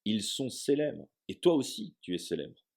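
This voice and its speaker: A man reading aloud, voicing a huge, hot-tempered male half-giant groundskeeper with booming outbursts. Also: big pitch swings, moderate pace, vocal fry, a little mellow.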